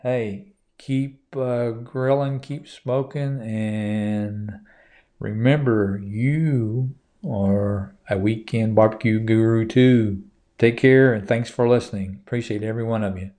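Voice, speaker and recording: A man's voice: fairly low pitch, fairly even intonation, takes it slowly, warm tone. A man hosting a casual show, talking through his sports picks in a hesitant way with lots of fillers. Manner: hesitant, many fillers and restarts. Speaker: podcast host.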